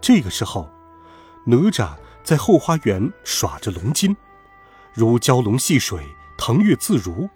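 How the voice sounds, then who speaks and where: A man telling a classic myth as scripted storybook narration, dramatic and expressive. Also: medium pitch, a little slow, faint music behind.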